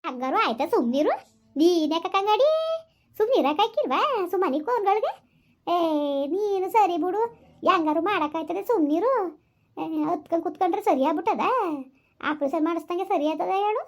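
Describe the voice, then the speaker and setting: A woman's voice: very high voice, lively intonation, normal speed. A woman playing a brusque, scolding village woman. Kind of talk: village comedy skit.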